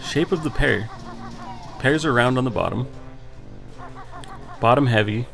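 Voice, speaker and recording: A man co-hosting a casual let's play at a desk microphone, calmly explaining the game and swearing offhandedly. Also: mid-range voice, measured pace, gravelly. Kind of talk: casual gameplay commentary. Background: game music.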